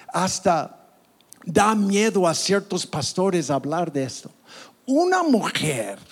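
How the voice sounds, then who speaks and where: Animated pastor preaching slowly. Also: male voice, a little high. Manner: animated preaching with frequent call-outs of amen; stumbles and restarts words, laughs at own slips. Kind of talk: sermon.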